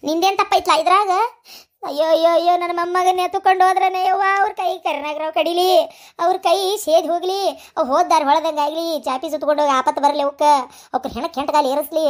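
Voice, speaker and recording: A woman's voice: very high voice, fairly even intonation, fast. A woman voicing an older, fiery grandmother in a cartoon, scolding and heaping curses in a North Karnataka Kannada accent. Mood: cursing. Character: fiery cursing old grandmother, sharp-tongued. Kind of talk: cartoon voice acting.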